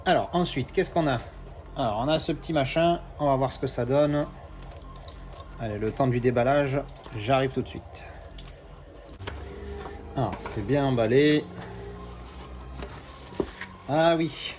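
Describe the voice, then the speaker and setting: A man's voice: mid-range voice, unhurried, long pauses, darkish tone, faint music behind. A man talks through an unboxing in a loose, chatty way. He hesitates often, restarts his sentences and swears casually as he goes. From Marseille, France. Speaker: collector doing unboxings.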